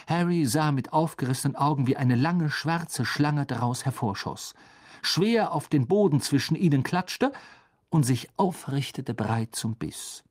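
A man narrating a children's fantasy novel in a measured, expressive reading voice. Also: medium pitch. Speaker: audiobook narrator. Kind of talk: storybook narration.

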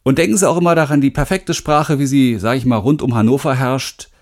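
A man of medium pitch reads a little fast from his self-help audiobook. He is a middle-aged speaking coach from the Rhineland in western Germany, and he is direct with the listener, candid and emphatic.

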